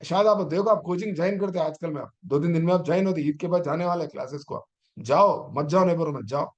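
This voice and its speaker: A man's voice: a little high, quick pace, muffled recording. A middle-aged man, a teacher trainer giving an online exam-prep lecture and urging his students on with rhetorical questions.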